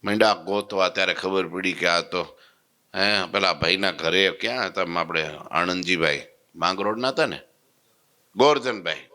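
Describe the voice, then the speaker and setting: A man preaching a story with a low, forceful, bright voice. He keeps the telling animated and often slips into character voices. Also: moderate pace. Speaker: swami preaching a daily scripture discourse. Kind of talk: sermon storytelling.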